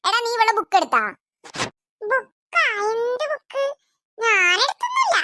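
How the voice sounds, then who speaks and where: A woman's voice: extremely high pitch, wildly swooping pitch, normal speed, bright, forceful tone, slight background noise, pitched above the performer's own voice, heavily acted. A woman voicing a mischievous little boy in a family cartoon who teases his big sister. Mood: teasing. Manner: teasing, turns to wailing. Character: mischievous little boy, cheeky younger brother.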